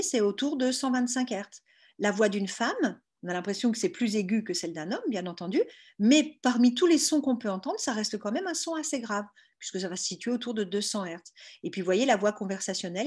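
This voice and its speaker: A woman gives an online lecture about hearing, patiently taking listeners through each point step by step and often saying "hein" and "bah." Her voice is mid-range, darkish and husky, picked up over a video call.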